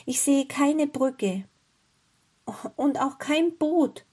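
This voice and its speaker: A woman's voice: mid-range voice, animated, moderate pace, darkish tone, husky. A woman voicing a clever young boy in a fairy tale, speaking in an earnest, urgent way. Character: clever young boy, worried but bold.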